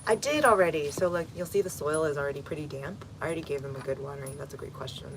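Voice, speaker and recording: A woman with a low voice chats through a livestream from her home garden, answering viewer comments one at a time with easy fillers. She talks outdoors into a phone, and steady outdoor noise runs clearly beneath her voice. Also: brisk. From Texas, United States.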